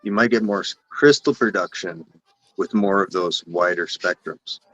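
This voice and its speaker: A man's voice: low voice, moderate pace, a bit bright, highs cut off. A man with a Canadian accent, a guest on a casual live stream, talking in rambling, self-correcting runs and swearing casually. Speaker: guest cannabis breeder.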